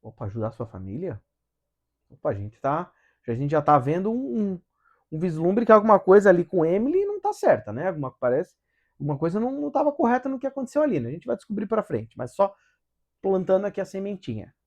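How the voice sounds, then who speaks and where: A man's voice: sits high, huge pitch swings, fast talker, a little mellow, highs cut off. A man hosts a casual book study. He talks things through conversationally and keeps asking whether the listener follows. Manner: conversational, with frequent tag questions.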